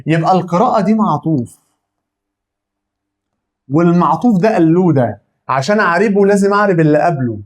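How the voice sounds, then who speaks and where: Young Egyptian man, lively teacher, slightly high voice, quizzes himself as he explains. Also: brisk, pauses often. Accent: Egyptian Arabic. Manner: animated, asks and answers his own questions. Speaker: grammar teacher. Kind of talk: lively classroom-style grammar lesson.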